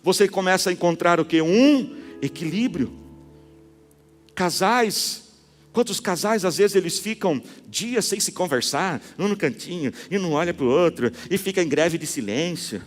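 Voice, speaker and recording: A man's voice: high voice, animated, normal speed, long reverb tail, faint music behind. A Brazilian man in his forties, a pastor preaching a sermon, telling stories and asking the congregation rhetorical questions. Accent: Brazilian Portuguese. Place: church sanctuary.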